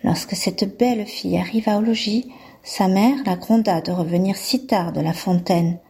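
A woman reading a fairy tale aloud and presenting a reading slot, steady and clear in her delivery. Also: mid-range voice, moderate pace. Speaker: storyteller and presenter.

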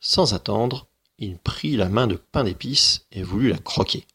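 A low-voiced male teacher reading a storybook aloud, slow and expressive. His voice is husky and gravelly, with a creaky edge. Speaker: schoolteacher.

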